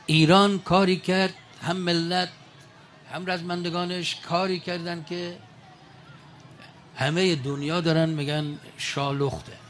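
Older male speaker, folksy storyteller, pitched high for a man, faint noise behind. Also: flat delivery, pauses often, fairly bright tone. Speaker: speaker addressing an audience. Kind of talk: colloquial storytelling speech.

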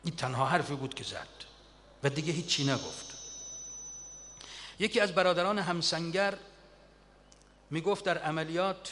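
A man's voice: fairly high pitch, expressive, pauses often, fairly bright tone, slight background noise. A man telling wartime stories in an earnest sermon style, his voice swelling with emotion, recorded in a reverberant hall.

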